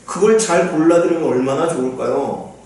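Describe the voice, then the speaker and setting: A man preaching a sermon as pastor, animated and acting out the voices he quotes. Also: a little high, brisk. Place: church sanctuary. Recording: echoey church hall, mic at a distance.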